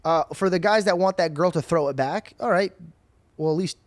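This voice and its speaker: A man's voice: sits high, fairly quick, no echo. A man hosting a podcast, talking bluntly and joking as he tells stories in casual chat. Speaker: podcast host.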